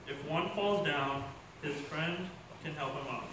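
A young man reads a wedding ceremony text in a fairly high voice. The church is very echoey, and he is heard from a distance over clear noise. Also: a little slow. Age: young adult. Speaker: best man leading a unity ceremony. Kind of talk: scripted ceremonial reading. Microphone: distant camera. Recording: echoey church, distant mic, noisy ambience.

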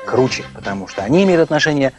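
A man in his thirties presenting a TV show and interviewing guests in a jokey, theatrical way, with a husky voice. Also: medium pitch, animated, rapid-fire, loud music behind the voice. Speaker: TV show host. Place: small TV studio.

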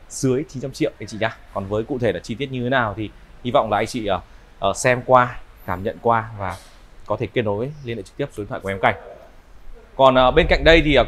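Northern Vietnamese salesman, smooth polite patter. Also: medium pitch, slight background noise. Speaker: used car salesman presenting stock. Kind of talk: unscripted sales walkaround presentation. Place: large indoor car showroom. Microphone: clip-on lapel mic.

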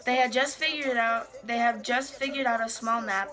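A woman's voice: on the high side, normal speed, sharp tone, faint music behind. A teenage young woman reading aloud casually and adding amused, self-deprecating asides. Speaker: vlogger. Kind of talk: casual reading aloud from old journal with commentary. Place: small bedroom, indoors.

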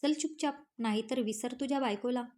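A woman reading the part of a teasing, brisk young husband in a story. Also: fairly high pitch, a little mellow, lightly acted. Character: teasing young husband, bossy to his cousin.

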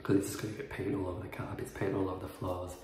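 Rapid-fire and flat, his low-pitched voice has a slightly mellow quality. This property renovation vlogger, a man in his twenties, rambles chattily through a house tour full of fillers, filming on his phone camera first by hand and then propped up. He's indoors in an empty house under renovation, where bare rooms echo.

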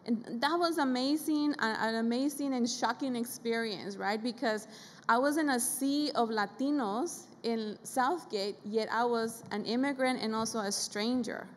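A woman's voice: on the high side, normal speed, a little hiss or hum. A middle-aged woman who grew up in El Salvador gives a personal, emotional speech at a podium in a large hall. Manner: emotional, personal, with Spanish phrases. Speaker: government official giving a speech. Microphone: podium microphone. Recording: reverberant hall with faint ambience.

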